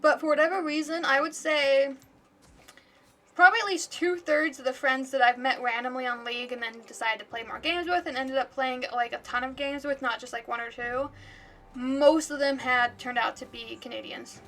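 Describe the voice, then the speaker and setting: Woman streamer, casual play-by-play, giggly and talkative, bright tone. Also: high voice, steady tone, normal speed, slight background noise. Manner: chatty and giggly, laughs often. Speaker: livestreamer. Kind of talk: casual gaming commentary.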